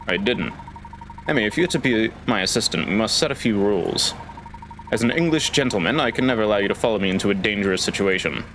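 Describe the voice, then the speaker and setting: A man voicing a proper, formal English gentleman professor from a video game, speaking in a measured, polite way. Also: lowish voice, animated, a little hiss or hum.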